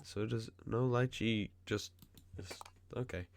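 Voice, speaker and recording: His voice is lowish and fairly even, with vocal fry and a slight hiss or hum in the recording. Stuffed up and nasal from a cold, the gaming host chats casually about the game he's playing, nitpicking with quick asides.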